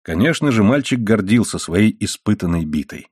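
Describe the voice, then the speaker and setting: A man's voice: on the low side, animated, moderate pace, a little mellow, husky, no echo, studio quality. A man narrating a classic novel as an audiobook, reading expressively and acting out the dialogue.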